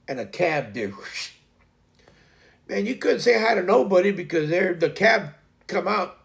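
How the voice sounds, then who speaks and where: A man's voice: fairly high pitch, vocal fry. A man hosting a livestream, rambling loosely through a casual story with lots of fillers and restarts. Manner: frequent laughter. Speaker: livestream host.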